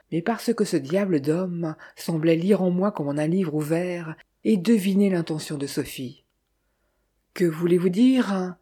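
A woman narrating a classic detective novel as an audiobook in a measured, even storytelling manner. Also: lowish voice, breathy edge.

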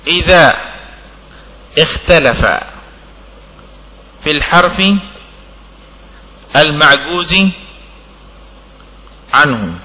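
A man teaching a religious law text in a classroom lesson, speaking in slow, broken-up phrases and checking understanding with short questions. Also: fairly high pitch, bright, forceful tone, in a large hall, poor audio. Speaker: sheikh teaching a fiqh text.

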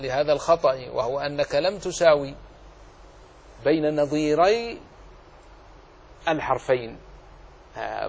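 Man teaching recitation rules, deliberate and repetitive. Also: a little high, vocal fry, a little hiss or hum. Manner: deliberate, repeats key phrases to drive them home; demonstrates recitation between explanations. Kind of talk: lesson explaining a classical poem line by line.

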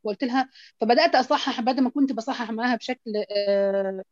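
A woman's voice: on the high side, quick pace, dry recording. A woman with an Egyptian accent, a Quran recitation teacher, asking a question hesitantly with many fillers. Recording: dull dry lo-fi call audio.

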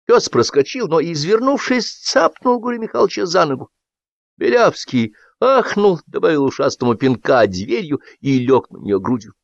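A man narrating a satirical story in an expressive, lively reading. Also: on the high side, normal speed, vocal fry, no room sound. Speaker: audiobook narrator. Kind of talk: scripted narration. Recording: dull dry audiobook recording.

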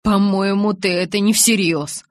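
A woman's voice: mid-range voice, steady tone, measured pace, no echo, natural voice. A woman reading a brash teasing young man. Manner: loud, teasing, defiant.

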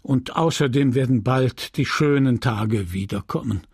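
A man's voice: mid-range voice, a little slow, a little mellow, slightly rough, no echo, studio quality. A man voicing a fussy, talkative village pharmacist with an officious manner.

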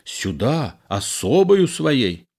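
A man reading aloud and voicing an imperious noble officer in a loud, commanding manner. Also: mid-range voice, big pitch swings, extremely slow, gravelly, voice pushed up, heavily acted.

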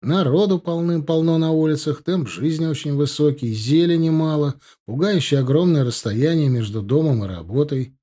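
A man's voice: fairly high pitch, moderate pace, few pauses, dark tone. A man narrating an audiobook in the first person, reflective and conversational.

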